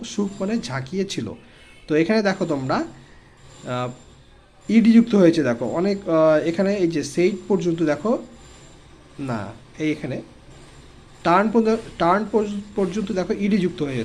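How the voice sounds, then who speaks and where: A man's voice: high voice, a little mellow. A man with a Bengali accent teaching an online English lesson for children, saying each word, repeating it and translating it.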